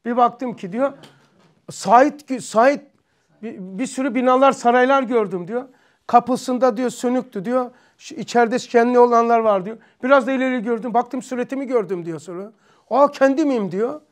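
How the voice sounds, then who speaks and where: A man's voice: very high-pitched, normal speed. Man musing through a religious lesson. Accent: Turkish. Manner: musing, asks himself questions aloud. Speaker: religious study teacher.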